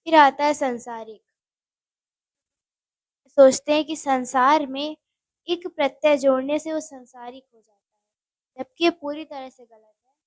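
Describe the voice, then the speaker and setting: High-voiced woman teaching Hindi spelling. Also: fairly even intonation, unhurried, long pauses, dry recording, poor audio. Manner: explains step by step, addresses viewers as guys. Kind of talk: spoken exam-prep lesson.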